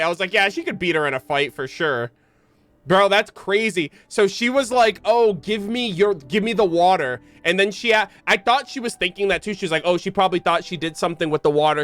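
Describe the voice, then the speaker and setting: A young man with a high, slightly bright voice streams a game live, offering casual, slangy commentary full of jokes and disbelief.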